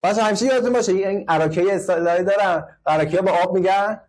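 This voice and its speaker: A man's voice: high voice, darkish tone. A man teaching English to a class, explaining patiently, repeating words and quizzing his students. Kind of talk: classroom lesson.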